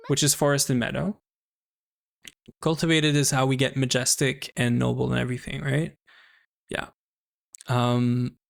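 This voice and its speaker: A Canadian man talks through his gameplay, planning aloud in a loose, chatty way. His voice has a gravelly edge and sits in a middle pitch. Soft music plays underneath. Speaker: streamer. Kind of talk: casual gaming commentary.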